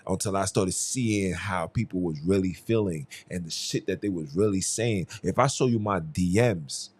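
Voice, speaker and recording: A young Haitian man hosts a solo podcast of casual commentary, speaking in a low voice at a normal speed. He sounds heated and emphatic and keeps repeating his phrases.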